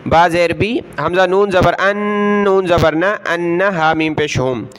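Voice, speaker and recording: A man teaching Quran reading word by word. He chants each word slowly and spells out its letters and vowel marks, then explains quickly. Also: on the high side, fairly even intonation, clear, resonant tone. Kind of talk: word-by-word recitation lesson.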